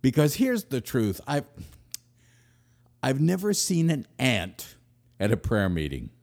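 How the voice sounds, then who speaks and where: A man hosting a podcast, telling a comic story in a wry, self-mocking way, swinging between loud and murmured. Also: mid-range voice, huge pitch swings, slow pace. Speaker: podcast host, author.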